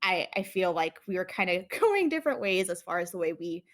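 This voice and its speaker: A woman's voice: on the low side, sing-song, fairly quick. A young woman from the United States, a guest in a casual interview, who talks in a chatty way with many fillers and frequent laughs.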